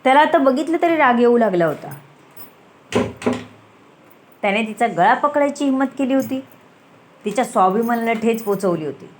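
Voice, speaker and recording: Woman narrator, higher pitch, storybook reading, voices the dialogue. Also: animated, moderate pace, pauses often, background noise. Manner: acts out the dialogue, switching voices between characters. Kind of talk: reading a romance story aloud.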